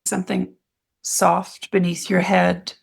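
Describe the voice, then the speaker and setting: Speaking as a meditation instructor, a woman gives gentle instructions in soothing phrases separated by pauses. Her voice is lowish with noticeable fry, and her delivery is flat.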